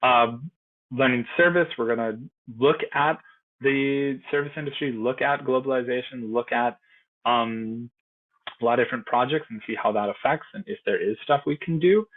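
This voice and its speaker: A man's voice: medium pitch, brisk. A man working as a program instructor, giving an earnest, conversational informational presentation. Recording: tinny phone-like audio.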